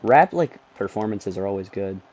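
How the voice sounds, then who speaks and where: A young man casually commentating his football video game from his bedroom, rambling between plays and getting excited over big moments, sounding sleepy. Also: fairly low pitch, normal speed, muffled recording. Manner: rambling, excitable play-by-play with frequent ums. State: sleepy, yawning. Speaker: gaming streamer.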